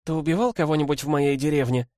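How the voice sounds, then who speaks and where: Man doing a fierce young girl, high urgent defiant voice, storybook reading, dry sound. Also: quick pace, warm tone, dry recording, lightly acted. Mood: wary.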